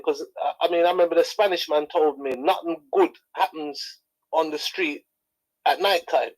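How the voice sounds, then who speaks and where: A man's voice: high-pitched, a little mellow, low-quality recording. A man debating casually on a talk show, circling his points hesitantly and checking for agreement.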